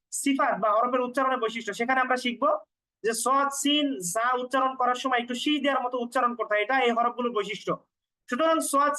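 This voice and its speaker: A woman teaching Quran pronunciation step by step, patiently explaining and repeating each sound slowly for learners. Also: high-pitched, fairly bright tone, poor audio.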